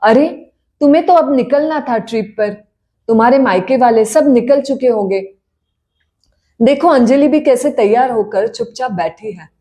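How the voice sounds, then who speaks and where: A woman's voice: fairly high pitch, moderate pace, natural voice. Woman voicing a frail elderly mother-in-law. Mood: weak. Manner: weak, soft-spoken.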